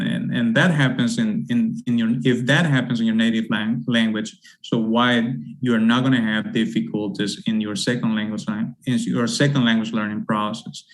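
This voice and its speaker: The audio is poor as a middle-aged Honduran man, a university English teacher whose first language is Spanish, gives an academic presentation in a mid-range voice. He rambles, with many fillers and repeated words.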